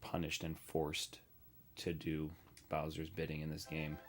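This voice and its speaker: A man's voice: very deep voice, completely flat delivery, measured pace. A man in his thirties giving casual commentary while playing a retro game, chatty and self-deprecating, often talking to the characters on screen. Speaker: gaming streamer. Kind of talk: casual let's-play commentary. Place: home desk setup. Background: game music.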